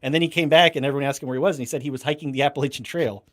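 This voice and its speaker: A man from South Carolina with a Southern US accent, hosting a casual chat on a video call and telling stories in an animated way. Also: mid-range voice, racing. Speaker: podcast host.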